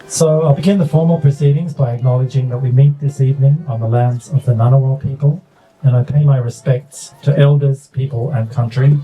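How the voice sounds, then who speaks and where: A man's voice: mid-range voice, steady tone, fairly quick, mellow, soft background music, low-quality recording. A man who works at a bookstore opening an evening event with a polite, scripted welcome and introductions. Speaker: bookstore staff host.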